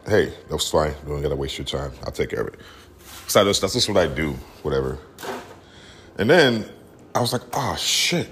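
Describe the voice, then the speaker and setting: A man on his podcast tells a rambling, laid-back story, chuckling along the way. His voice is very deep and husky, and it swings widely up and down as he acts out the people he describes. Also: fairly bright tone. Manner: laid-back, laughs while telling a story. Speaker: podcast host. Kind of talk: casual storytelling.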